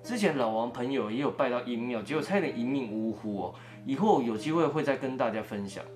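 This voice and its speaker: A man's voice: medium pitch, fairly quick, soft background music. A man narrating a first-person ghost story and acting out every quoted voice. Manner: animated, acts out every quoted voice.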